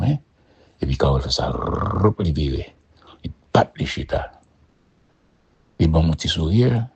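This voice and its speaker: Very deep, rasping Haitian man. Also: no echo. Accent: Haitian Creole. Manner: mixes Creole and French, animated retelling. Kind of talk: personal testimony.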